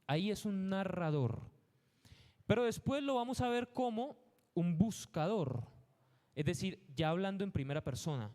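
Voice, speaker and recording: A man preaching a Bible lesson, animated and rhetorical, acting out quoted speech. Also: high-pitched, normal speed, long reverb tail. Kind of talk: sermon.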